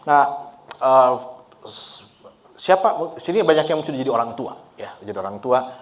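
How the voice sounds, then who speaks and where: Chatty man preaching a relaxed sermon. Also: medium pitch, moderate pace. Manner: relaxed and chatty, laughs often, mixes in English words. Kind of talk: conversational sermon. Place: church service.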